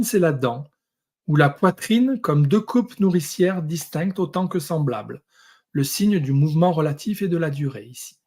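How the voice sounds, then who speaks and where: A man teaching a lesson, going through Hebrew and Greek words one at a time with many pauses. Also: on the high side, darkish tone. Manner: explains word by word, pausing often. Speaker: Bible teacher.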